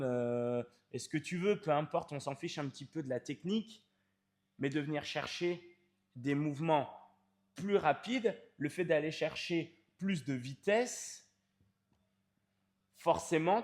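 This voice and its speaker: A man's voice: on the high side, a little mellow. A man, a fitness coach explaining training to the viewer in an informal, emphatic way, stretching key words.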